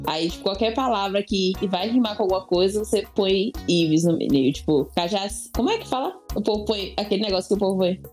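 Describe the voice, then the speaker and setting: A woman's voice: medium pitch, fairly quick, few pauses, darkish tone, faint music behind. A woman in casual chat, joking and teasing while she acts out expressions.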